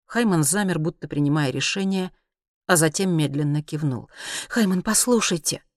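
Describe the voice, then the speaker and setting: A man narrating a science fiction audiobook in a steady, even storytelling voice. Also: a little high, normal speed, no echo, studio quality.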